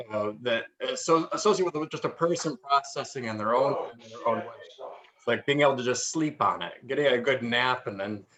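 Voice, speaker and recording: A man takes part in a class discussion, talking his ideas through thoughtfully. His phrases run long and wind as he goes. He speaks at an even, middling pitch. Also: low-quality recording. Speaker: massage therapist in a class discussion.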